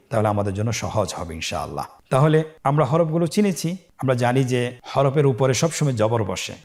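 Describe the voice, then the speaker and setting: A man teaching a Quran lesson, patient and encouraging, drawing out syllables slowly as he sounds out letters for learners to repeat. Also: mid-range voice, a little mellow. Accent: Bangladeshi Bengali. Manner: slow drawn-out syllables when sounding out letters. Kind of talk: step-by-step lesson, learners repeat after him. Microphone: facing the camera on screen.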